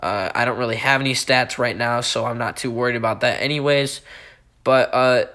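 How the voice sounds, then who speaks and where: A man giving casual gameplay commentary over his football video game footage, talking in a halting way with many fillers. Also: medium pitch, bright, forceful tone. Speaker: gaming YouTuber.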